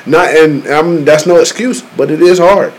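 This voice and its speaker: Higher-pitched man talking like a frat bro. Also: moderate pace, poor audio. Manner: slangy frat-bro talk, peppered with "bro" and "man"; repeats phrases for emphasis, heavy "you know what I'm saying". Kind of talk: casual chat among male friends. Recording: steady background noise.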